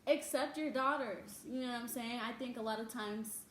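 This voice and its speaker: A young woman, the host's daughter, talking in a relaxed, conversational way with many fillers. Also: on the high side, normal speed. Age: young adult. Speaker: daughter, guest. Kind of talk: casual chat. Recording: echoey room, faint noise.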